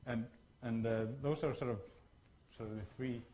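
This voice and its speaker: A man from Iceland giving a workshop lecture, talking in a halting way with many fillers and restarts. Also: medium pitch, steady tone, warm tone, rough recording.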